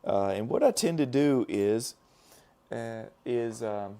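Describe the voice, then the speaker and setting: His voice hoarse and slipping away, a middle-aged dental lab technician meanders through a casual live stream, restarting sentences and filling gaps while he works and addresses viewers. The pitch is medium and the tone warm, and he's animated but unhurried.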